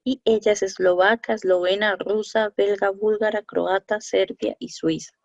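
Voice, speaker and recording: A woman giving a recorded lesson over slides, talking haltingly with many fillers and self-corrections. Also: mid-range voice, steady tone, no echo. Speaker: French teacher. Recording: dull lo-fi dry recording.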